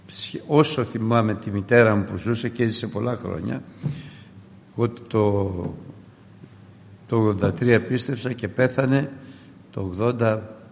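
An older man giving an animated testimony sermon, speaking straight to his congregation in a church hall. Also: fairly low pitch, creaky, long pauses, slight background noise. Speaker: preacher.

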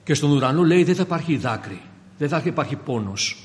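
A man preaching a sermon to his congregation, fervent and swinging from hushed passages to loud ones, often calling them brothers. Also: on the high side, expressive. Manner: keeps addressing the congregation as brothers. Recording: long reverb of a large hall.

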